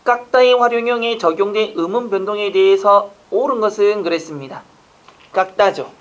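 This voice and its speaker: A man teaching an online exam-prep lecture, quizzing listeners with rapid rhetorical questions and casual joking asides. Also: sits high, fairly bright tone.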